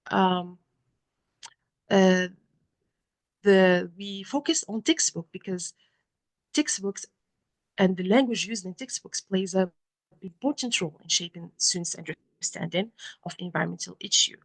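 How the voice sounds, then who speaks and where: A woman with a Moroccan accent presenting research at an academic conference in a halting, often self-correcting way. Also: mid-range voice, vocal fry, poor audio. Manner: hesitant, halting delivery with frequent self-corrections.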